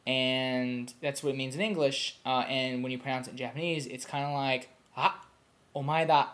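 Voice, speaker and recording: A young man in a quick, casual home video, mid-pitched and rambling. He fills his talk with ums and restarts, and he stops to sound out short examples. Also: fairly even intonation, fairly bright tone. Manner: demonstrates sounds aloud. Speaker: language learner explaining pronunciation.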